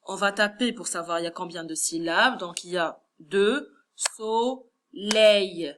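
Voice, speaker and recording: A woman's voice: lowish voice, moderate pace, a bit bright. A woman with a Moroccan French accent, teaching a first-grade class, patiently sounding out words syllable by syllable. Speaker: primary school teacher. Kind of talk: classroom lesson correction.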